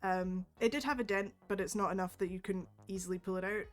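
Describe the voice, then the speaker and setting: A woman's voice: medium pitch, quick pace. A woman running a tabletop game, narrating casually and easily with lots of fillers. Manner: casual and easygoing, with many fillers. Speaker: game master.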